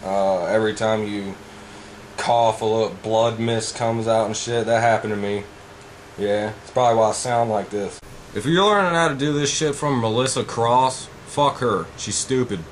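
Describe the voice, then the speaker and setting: A man's voice: fairly low pitch, fairly even intonation, moderate pace, a little hiss or hum, poor audio. A man giving a casual, informal vocal tutorial as a coach, rambling and blunt with frequent swearing.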